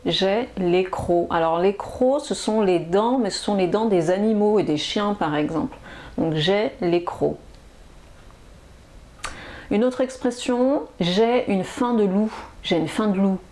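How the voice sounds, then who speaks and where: Slow, repetitive woman teaching French. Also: medium pitch, mellow. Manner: repeats each phrase slowly, many fillers. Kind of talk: slow, repetitive language lesson.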